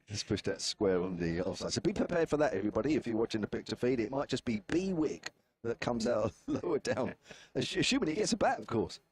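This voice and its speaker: A man with a southern English accent provides live cricket commentary at a quick pace from an outdoor commentary position at a cricket ground. His medium-pitched voice has a sing-song lilt, and he's chatty, wry and self-deprecating.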